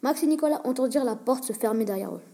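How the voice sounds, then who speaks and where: A woman reading a short school story aloud in a plain, even way. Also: sits high, quick pace, vocal fry. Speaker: story reader.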